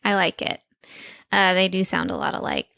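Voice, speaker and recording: A woman's voice: fairly low pitch, moderate pace, vocal fry, bright, forceful tone, dry recording. A young woman co-hosting a podcast, chatty and enthusiastic, with frequent ums and likes. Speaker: podcast co-host. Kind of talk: casual chat.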